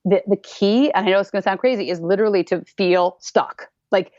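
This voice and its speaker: A woman dance teacher talking in a podcast interview, animated and playful, acting out little voices and laughing often. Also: medium pitch, fairly quick, dry recording. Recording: dull lo-fi sound.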